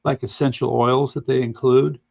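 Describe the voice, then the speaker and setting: Gravelly man in casual news chat. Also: mid-range voice, little pitch movement, normal speed, a little mellow. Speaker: podcast host.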